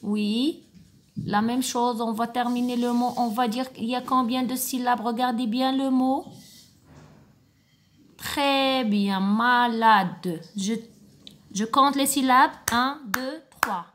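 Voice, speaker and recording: A woman kindergarten teacher records a reading lesson for young children, speaking slowly and encouragingly and praising often. Her voice is on the high side, a bit bright, with fairly even intonation.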